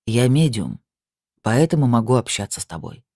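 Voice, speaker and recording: A narrator voicing a calm, stern male medium who speaks slowly and gravely. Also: medium pitch, no room sound, studio quality, voice pushed down.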